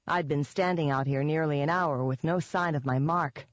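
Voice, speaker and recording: A woman's voice: low voice, moderate pace, dry recording. A woman narrating a first-person audiobook in a wry, sardonic manner. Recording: dull, dry audiobook recording.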